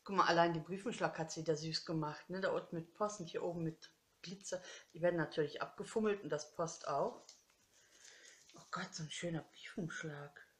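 Woman, craft vlogger, chatty, gushing, laughs a lot, slightly low voice. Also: fairly quick. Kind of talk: casual chat unboxing a craft swap.

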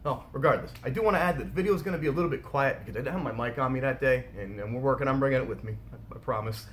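A man in his forties, an urban explorer vlogger, talking casually to camera in a big old mill room, relaxed and hesitant, often repeating words. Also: medium pitch, rapid-fire, a little hiss or hum. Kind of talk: casual vlog talk to camera. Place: indoors in a large old mill room by pipes. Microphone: camera at table distance.

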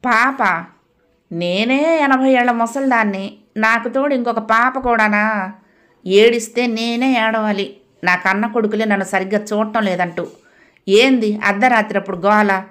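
A woman putting on a loud grumbling old village woman. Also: a little high. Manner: loud, complaining, drawn-out.

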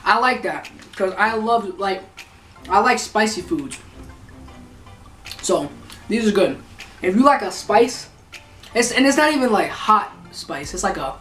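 A man's voice: sits high, expressive, measured pace, long pauses, a bit bright. A young man vlogging a snack taste test, talking with his mouth full while chewing, in a laid-back, slangy way full of fillers. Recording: distant mic with music playing.

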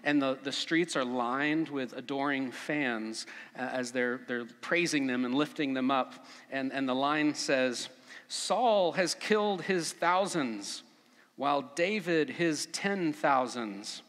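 A man preaching a conversational sermon as pastor at a pulpit microphone, relaxed, with frequent fillers. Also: mid-range voice, slow pace. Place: church sanctuary. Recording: long church reverb.

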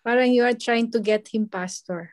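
A woman's voice: on the high side, normal speed, no echo, studio quality. A Filipino woman in a Bible study group, giving short replies and agreeing with the leader.

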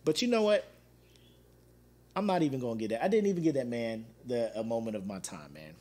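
Male host, casual slang-heavy storyteller, animated, laughs a lot. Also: mid-range voice, fairly quick. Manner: waves at viewers watching live. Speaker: podcast host. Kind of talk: casual solo chat.

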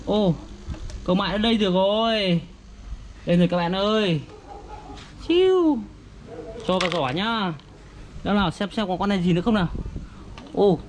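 A man's voice: high-pitched, fairly even intonation, fairly quick, long pauses, a little hiss or hum. A man with a northern Vietnamese accent vlogging casually outdoors, talking simply and repetitively as if to a toddler. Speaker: vlogger for young children. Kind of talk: casual child-directed show-and-tell. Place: outdoors beside a garden fish pond.

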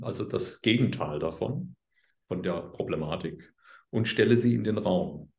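A man speaking as an interview guest, explaining his work in a calm, earnest, unhurried way. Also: deep voice, vocal fry, reverberant. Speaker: guest, healer. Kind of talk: conversational interview.

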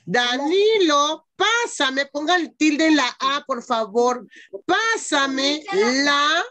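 A woman's voice: high voice, lively intonation, slow, fairly bright tone. A woman teaching an online class to young children, patiently dictating and sounding out words syllable by syllable over a video call. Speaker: primary school teacher.

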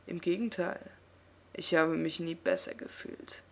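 A woman reading aloud and voicing a horned, smug male demon elf lord in a deep, sinister way. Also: steady tone, a little slow, gravelly. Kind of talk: audiobook reading.

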